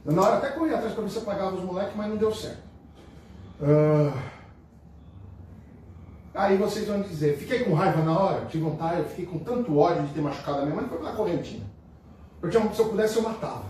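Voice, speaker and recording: Brazilian bishop guy preaching, kinda high voice, lots of questions to the crowd, echoey room from far off. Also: expressive, fast, long pauses, a little mellow, a little hiss or hum. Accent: Brazilian Portuguese. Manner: conversational, emphatic preaching with rhetorical questions. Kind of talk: sermon. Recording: echoey room heard from a distance.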